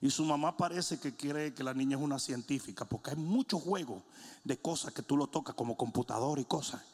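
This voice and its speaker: A middle-aged man preaching a sermon in a large church, telling funny stories and then shouting as he builds. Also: mid-range voice, brisk, breathy edge. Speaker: pastor. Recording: long hall reverb.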